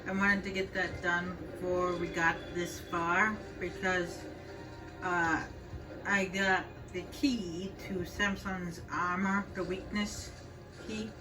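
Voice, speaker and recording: A woman's voice: on the low side, level tone, slow pace, distant mic, rough recording. A woman giving casual, rambling gameplay commentary as host of a video game walkthrough. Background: video game music.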